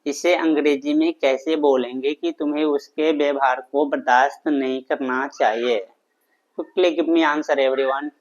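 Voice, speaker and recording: A man with an Indian accent teaching English phrases in a live online class, explaining in Hindi and repeating sentences slowly for learners. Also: fairly high pitch, steady tone, lo-fi sound. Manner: slow, drawn-out model sentences repeated for learners. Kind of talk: live online language lesson. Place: home room.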